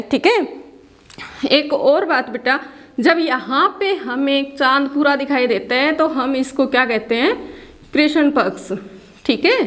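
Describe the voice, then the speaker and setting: A woman with a high, fairly bright voice teaches a school class in Hindi sprinkled with English words, explaining patiently and posing questions she then answers herself.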